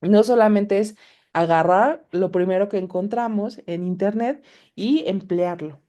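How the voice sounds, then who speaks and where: A woman's voice: medium pitch, a little slow, dark tone. A woman teaching an online class, patiently walking students through a screen demonstration. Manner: patient, explanatory, direct address to students. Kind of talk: recorded class with screen demo.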